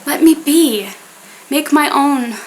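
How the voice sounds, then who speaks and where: High-pitched woman reciting earnest spoken word poetry. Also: a little hiss or hum, low-quality recording. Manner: earnest, deliberate poetic phrasing.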